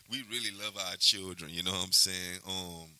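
A man's voice: low voice, moderate pace, bright, forceful tone, clear, resonant tone, no echo. A man, a podcast guest talking earnestly and folksily in casual chat. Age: 40s. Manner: earnest, folksy, repeats "you know what I'm saying".

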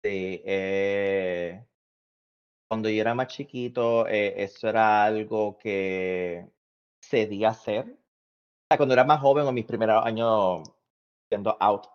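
Puerto Rican male co-host, thirties, lower voice, chatty, lo-fi recording. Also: slow pace, clean tone. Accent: Puerto Rican Spanish. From Puerto Rico. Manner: laughs often, mixes in English words. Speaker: podcast co-host. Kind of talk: casual chat. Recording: dull lo-fi recording.

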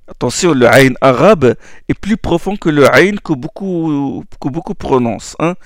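A man teaching pronunciation in a slow, patient spoken lesson, repeating each sound for listeners to copy. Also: a little high, lively intonation, no echo, studio quality. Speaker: Quran recitation teacher.

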